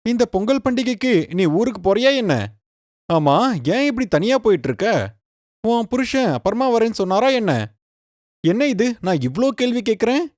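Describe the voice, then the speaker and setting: A woman voicing a kind, protective young man in a cartoon story, with a lowered, earnest voice. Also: lively intonation, moderate pace, a little mellow, no room sound, clean studio sound, lightly acted. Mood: caring.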